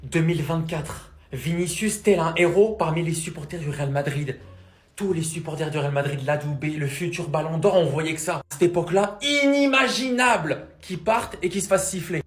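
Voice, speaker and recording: A man with a slightly high voice gives opinionated, casual football commentary. He poses rhetorical questions, and the sound is noticeably roomy and echoey. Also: brisk, darkish tone. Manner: rhetorical, addresses players directly.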